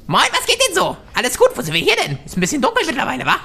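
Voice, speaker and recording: A mouthy little summoned raven, rattling along in bright, wildly animated tones. It is brash and colloquial, a cheeky familiar in a tabletop game. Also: female voice, high-pitched, rapid-fire, gravelly, breathy edge, heavily acted. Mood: chirpy. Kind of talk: tabletop role-play acting.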